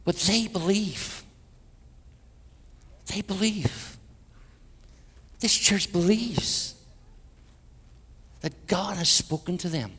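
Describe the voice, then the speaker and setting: An Irish man preaching an evangelistic sermon with personal testimony in a large church, swinging between loud emphatic peaks and hushed passages, with wry humorous asides. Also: high-pitched, drawn-out words, pauses often, husky. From Ireland. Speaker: guest preacher, minister to Europe. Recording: church hall with long reverb.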